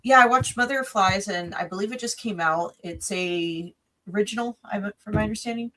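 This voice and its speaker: A woman's voice: medium pitch, brisk, bright, forceful tone. A woman co-hosting a podcast in casual chat, rambling through a film plot with many restarts, tired and yawning from recording late at night. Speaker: podcast co-host.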